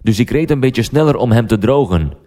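A man's voice: medium pitch, lively intonation, a little fast, warm tone, lightly acted. A man voicing a cocky speeding driver in a language-learning story, sly and cheeky.

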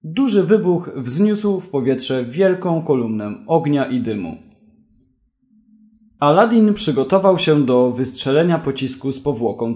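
A man's voice: fairly high pitch, a little mellow. A man reading an action story aloud as narrator in an evenly paced way. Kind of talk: scripted audiobook narration.

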